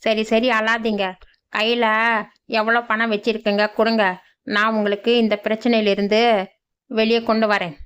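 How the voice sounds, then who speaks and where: A clever young village man in a cartoon who brags that no problem is too big for him, as a woman puts him on. He talks low and unhurried. The sound is dull and lo-fi. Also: little pitch movement, clear, resonant tone, lightly acted. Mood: reassuring. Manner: slow, low, boastful. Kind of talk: cartoon voice acting.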